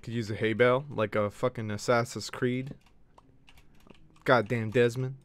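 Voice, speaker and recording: A male Twitch streamer giving excitable live gameplay commentary, swearing and yelping as he banters with his chat. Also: medium pitch, measured pace, no room sound.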